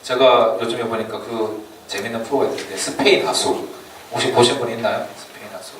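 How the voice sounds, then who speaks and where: A man's voice: mid-range voice, steady tone, a little fast. Man lecturing in an echoey hall. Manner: chatty, laughs often, leans on fillers while explaining. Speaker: church youth mission trip trainer. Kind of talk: informal orientation lecture. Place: church meeting room or hall. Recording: echoey hall from far off, faint room noise.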